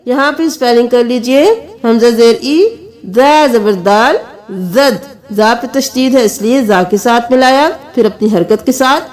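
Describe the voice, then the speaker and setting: A woman with a high voice teaches recitation slowly, giving a step-by-step tajweed lesson. She patiently spells out letters and breaks into melodic chanting for the verses.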